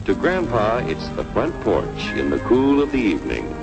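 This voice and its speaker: A man delivering vintage scripted cartoon narration with declamatory, measured phrasing. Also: fairly low pitch, huge pitch swings, highs cut off. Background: music.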